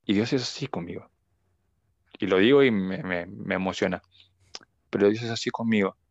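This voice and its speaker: A man's voice: lowish voice, normal speed, vocal fry, no room sound, dull audio. A young man with an Argentine accent, a guest giving an earnest, emotional faith testimony. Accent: Argentine Spanish. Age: young adult.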